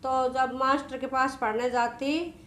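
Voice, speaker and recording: A woman storyteller narrates a devotional folk tale in a homely, conversational manner, often repeating herself. Her voice is high-pitched. The room gives it a noticeable echo. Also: steady tone, unhurried, a bit bright. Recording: echoey room.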